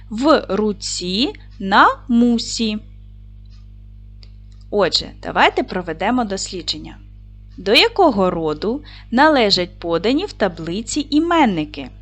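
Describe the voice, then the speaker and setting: A woman teacher giving a video lesson to young children, speaking slowly and clearly, drawing out words for dictation and encouraging the class. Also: mid-range voice, a bit bright. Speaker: primary school teacher.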